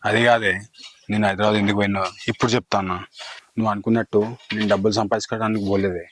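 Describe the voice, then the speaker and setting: A man's voice: fairly low pitch, level tone, very fast, natural voice. An actor playing a hesitant young man who eloped, pleading for help in a Telangana Telugu accent.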